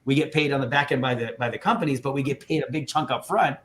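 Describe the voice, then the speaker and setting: A man's voice: medium pitch, fast talker, fairly bright tone. A man hosting a casual panel talk, speaking with passion and emphasis and often cutting in.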